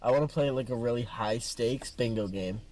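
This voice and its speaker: A man's voice: mid-range voice, moderate pace, crowd noise. A young man in casual chat, joking around and swearing now and then. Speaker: podcast co-host. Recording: distant mic with faint noise.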